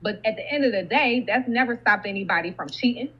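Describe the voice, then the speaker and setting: Husky, blunt woman on a dull lo-fi clip. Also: fairly high pitch, lively intonation, quick pace. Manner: blunt, cynical, swears. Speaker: podcast guest. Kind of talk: casual podcast conversation. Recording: dull lo-fi clip from an earlier episode.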